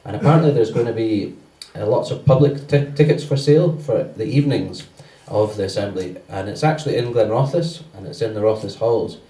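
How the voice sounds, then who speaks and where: Low, mellow man giving church notices, chatty, in a roomy church. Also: a little fast, hardly any pauses. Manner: loose and conversational, many fillers. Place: church hall. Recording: roomy church sound from a distance.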